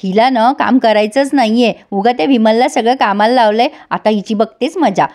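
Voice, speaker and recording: Woman chatting through a soap recap, talks to viewers, slightly high voice. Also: a little mellow. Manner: chatty, addresses viewers, quick laughs. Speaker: serial recap host. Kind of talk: casual episode recap.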